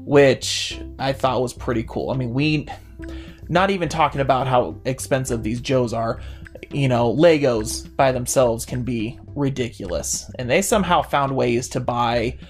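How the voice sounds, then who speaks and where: A man in his thirties chats on a casual podcast, his voice rising and falling with lively energy as he trips over restarts and fillers. Faint music plays under him. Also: medium pitch, a little slow. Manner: animated, many restarts and fillers. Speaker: podcast co-host. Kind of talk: casual chat.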